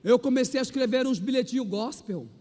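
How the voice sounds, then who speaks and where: High-pitched preacher in echoing church. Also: male voice, fairly quick. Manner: animated, preacherly, acts out quotes with voice shifts. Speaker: pastor. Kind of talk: testimony sermon. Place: church hall. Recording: long hall reverb.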